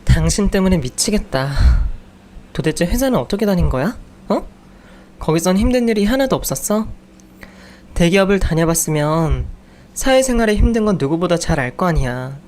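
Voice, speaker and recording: A man's voice: on the high side, moderate pace, darkish tone, a little hiss or hum, close to an everyday voice. A man voicing an exasperated young wife and mother who nags her jobless husband in a raised voice. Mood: scolding. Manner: scolding, raised voice.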